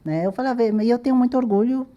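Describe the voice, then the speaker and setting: Fast-talking woman telling stories. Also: on the high side, highs cut off. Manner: lively storyteller, acts out quoted dialogue. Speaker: podcast guest, dancer and TV journalist. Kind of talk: casual interview chat.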